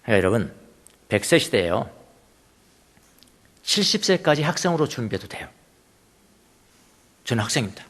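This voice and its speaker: A man's voice: medium pitch, very animated, moderate pace, pauses often, a bit bright. A male pastor preaching a sermon, emphatic, repeating phrases and putting questions to the congregation. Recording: long church hall reverb.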